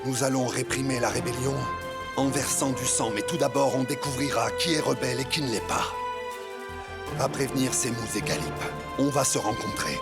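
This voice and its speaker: An actor voicing a ruthless crime boss in a French drama dub, giving orders coldly. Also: male voice, mid-range voice, moderate pace, close to an everyday voice. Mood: commanding. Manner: commanding, cold. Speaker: dubbed actor in a TV series. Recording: loud dramatic score behind dialogue. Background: music.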